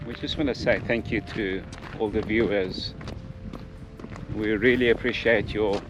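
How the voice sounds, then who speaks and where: A man's voice: on the low side, fairly even intonation, a little slow. A man talking casually and earnestly as a vlog host on a hike, often repeating his phrases. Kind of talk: casual vlog talk while hiking. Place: outdoors on a walking trail. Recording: noisy outdoor recording. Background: clear outdoor ambient noise.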